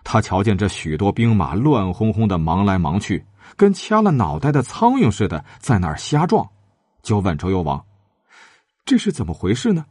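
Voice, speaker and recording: A man telling a traditional tale with lively, dramatic delivery. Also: moderate pace, dry recording, clean studio sound. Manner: lively, dramatic, shifting pitch for characters. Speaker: storyteller. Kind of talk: storytelling narration with acted character lines.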